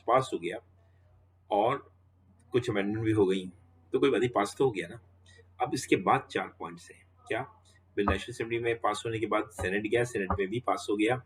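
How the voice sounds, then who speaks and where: A man's voice: on the low side, husky. A man giving a law lecture, walking students through each step and repeating questions back to the class.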